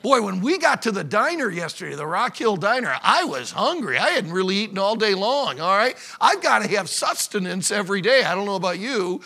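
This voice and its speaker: A pastor preaches in a high, bright voice that leaps up and down with energy. He talks to his congregation like a friend, quizzing them and letting his voice crack with a husky edge. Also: fairly quick, hardly any pauses. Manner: animated, conversational preaching with call-and-response. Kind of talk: sermon.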